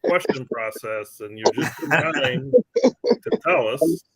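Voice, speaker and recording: A man's voice: mid-range voice, huge pitch swings, slow pace, breathy edge, no room sound. A man hosting a casual chat, asking guests easygoing questions and laughing often. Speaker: host.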